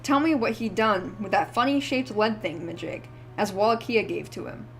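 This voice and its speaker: A woman's voice: medium pitch, normal speed, slight background noise, close to an everyday voice. A woman voicing a wheezy, ranting old drunk man who rambles feverishly in rustic old-timer speech. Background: faint background music.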